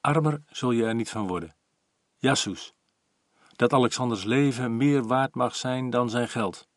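A man's voice: medium pitch, measured pace, no echo, clean studio sound, lightly acted. A man voicing a jovial, blunt older male notary who talks in a hearty, slightly teasing way.

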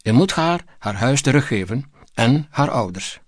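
A man's voice: medium pitch, expressive, a little slow. A nervous minister in a storybook, picking his words with care before an angry boss as the male narrator voices him. The voice stays in a plain middle range, hesitant and deferential. The recording is dry, with no echo. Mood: timid.

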